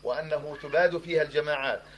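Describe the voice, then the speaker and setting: A man's voice: fairly high pitch, fast talker, rough recording. A man pressing questions in a heated religious discussion, insistent and argumentative, repeating himself to drive his point home.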